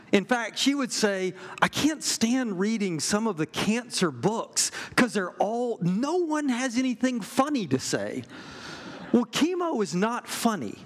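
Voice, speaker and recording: A middle-aged man preaching a sermon, earnest and measured, pausing and restarting now and then. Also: a little high, a bit bright. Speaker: pastor.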